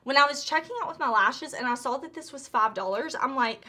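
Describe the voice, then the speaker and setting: Woman, beauty vlogger, high voice, bright tone, gushing casual chat, lots of "like". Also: fairly quick. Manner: gushing, chatty, full of "like" and restarts.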